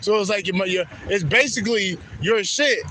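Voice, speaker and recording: A man's voice: high-pitched, a little fast, bright, forceful tone, a little hiss or hum. A man from Haiti giving a rambling, profane spiritual monologue that repeats itself. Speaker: spiritual vlogger.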